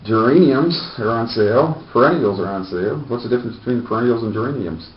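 A man in his thirties reads aloud and tosses in sardonic wisecracks. His pitch moves around a lot, and he is recorded in a roomy space a little way from the mic. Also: expressive, fast talker, slight background noise. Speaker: host of a homemade comedic news show. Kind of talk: casual comic commentary while reading a newspaper. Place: small plain room indoors. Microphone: distant camera microphone. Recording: echoey, muffled, distant camera microphone.

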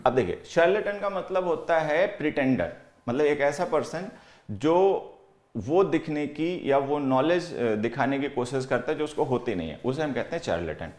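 A man teaching English vocabulary in Hindi, with an Indian English accent. He explains slowly and repeats words. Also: a little high, expressive, darkish tone. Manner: explains slowly, reads example sentences aloud word by word, repeats words; keeps saying "theek hai" while writing on the board. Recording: echoey room.

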